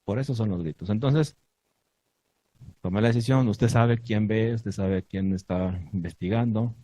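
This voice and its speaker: Mellow, husky man teaching a congregation. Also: fairly low pitch, unhurried, rough recording. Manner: asks the congregation questions, recites Hebrew blessings. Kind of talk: sermon teaching.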